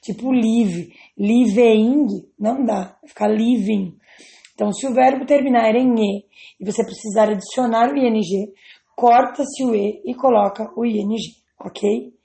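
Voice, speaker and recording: A woman's voice: on the high side, moderate pace, gravelly, dark tone. A woman teaching English grammar to students, patiently spelling out letters and checking they follow. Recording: roomy echo.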